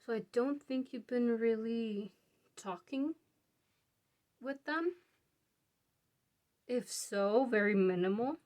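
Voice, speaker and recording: A woman reading tarot cards in a relaxed, unhurried way, her voice sitting a little high. She muses aloud and laughs often. She sounds a bit out of breath. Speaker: tarot reader. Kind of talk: casual pick-a-card tarot reading.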